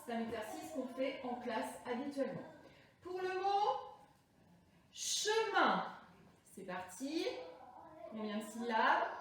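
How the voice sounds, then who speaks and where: A woman teaching young primary pupils a remote lesson, speaking slowly and deliberately and stretching out words for the children. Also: sits high, sing-song, fairly bright tone, slight background noise. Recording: echoey room, voice from a distance.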